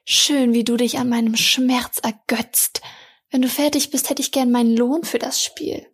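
A woman's voice: on the high side, fairly even intonation, a little slow, slightly rough. Ivana, a wry young water girl, read by a woman.

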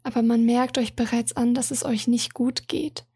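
An earnest young handmaiden and trained killer, read by a woman in a storybook, pleading with her princess in a high, breathy voice. The sound is dry and close. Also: fairly even intonation, normal speed, warm tone, no room sound. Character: young loyal female confidante, trained assassin, earnest.

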